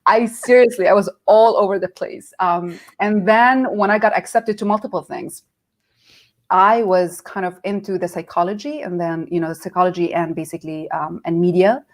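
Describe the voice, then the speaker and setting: A woman's voice: on the low side, moderate pace. A middle-aged woman from Nazareth, a guest telling her career story in a casual interview and acting out quoted voices. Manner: animated, acts out quoted voices.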